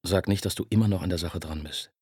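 A terse, impatient detective firing blunt questions in a low husky voice, as an audiobook reader plays him. The voice is close and dry, with no room around it. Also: male voice, quick pace, a little mellow, no echo. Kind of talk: audiobook dialogue.

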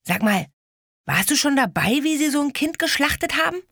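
A woman voicing a curious, plucky young boy who asks lively questions. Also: high-pitched, moderate pace, no echo, studio quality, voice pushed up, exaggerated voice. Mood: defiant.

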